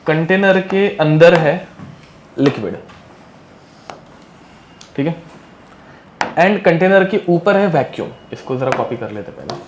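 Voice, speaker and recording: A male chemistry teacher talks a live class through the material, his voice sitting a little high. He keeps it casual and mixes English terms into his explanations, stopping often to check that everyone follows. The sound bounces around a roomy classroom with a faint hum of ambience behind him. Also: expressive, slow, pauses often.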